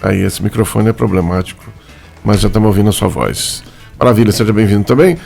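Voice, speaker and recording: A man's voice: on the low side, animated, fast talker, creaky, darkish tone, soft background music. A man with a Brazilian accent hosting a radio interview in a studio, chatty and jokey, full of fillers. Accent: Brazilian Portuguese. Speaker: radio host. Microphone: studio microphone.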